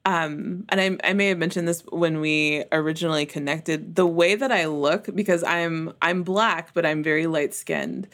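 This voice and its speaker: A woman from Memphis in the United States, with an American accent, is an interview guest who works in church ministry, answering conversationally and often laughing as she talks. Her voice sits low and is fairly bright, with fairly even intonation, a moderate pace and few pauses.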